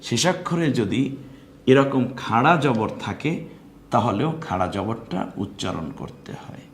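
A man's voice: mid-range voice, lively intonation. Bangladeshi male Quran tutor on a live lesson, patient and explanatory, in an echoey room with a faint hiss behind him. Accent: Bangladeshi Bengali. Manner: explains slowly, then draws out sung example words. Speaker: Quran recitation teacher.

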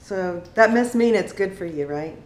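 A woman's voice: mid-range voice, expressive, normal speed, reverberant, a little hiss or hum. A middle-aged mother chatting casually on a family vlog, giggly and teasing. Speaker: mother riding along.

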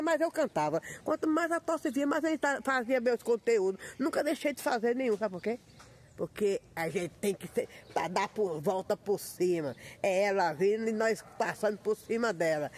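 A woman, a content creator giving her followers a lively, folksy motivational talk full of sudden pitch jumps. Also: husky.

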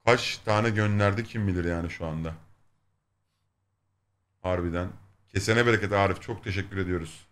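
A man's voice: low-pitched, normal speed, pauses often. A man hosting a casual live stream with friends. He teases his guests and keeps thanking viewers for donations. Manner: teasing, loud and excitable, thanks donors. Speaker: streamer host.

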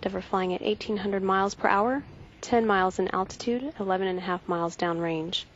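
A woman giving measured, factual live launch commentary from mission control. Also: mid-range voice, steady tone. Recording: dull broadcast feed, faint noise.

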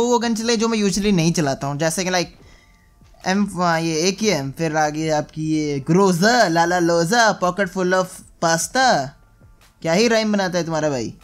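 High-voiced young man joking over gameplay. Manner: joking, self-mocking, chatty. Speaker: gaming channel host. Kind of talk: gameplay commentary.

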